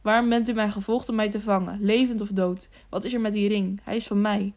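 A proud young squire stands his ground with short, earnest replies, as a woman reads him in a storybook. The voice sits at an ordinary middle pitch and stays plain and even. It is spoken as part of a calm audiobook reading. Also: fairly quick, close to an everyday voice.

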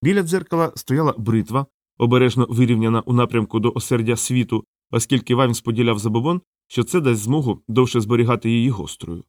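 A man reading an audiobook in a steady, measured narration. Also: medium pitch, no echo, clean studio sound. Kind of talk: scripted narration.

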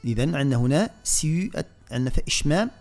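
A man teaching recitation on the radio. He chants verses slowly and then explains each point in quick, plain speech. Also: lively intonation, a little mellow, faint music behind. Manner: slow, high chanted recitation alternating with quick spoken explanation. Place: radio studio.

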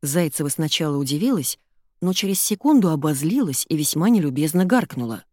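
Lively woman narrating an audiobook. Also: deep voice, fairly quick, no room sound, studio quality. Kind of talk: scripted narration.

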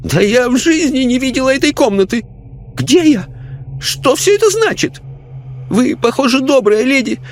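A man voicing a frightened, bossy elderly lady spirit who talks in a shrill, panicky, scolding way. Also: animated, moderate pace, a little hiss or hum. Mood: panicked.

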